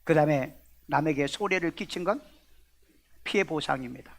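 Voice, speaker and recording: A man with a high-pitched voice delivers a lively sermon as a pastor. He swings between loud exclamations and quiet low asides, often asks his listeners questions, and acts out quoted voices. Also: normal speed, creaky.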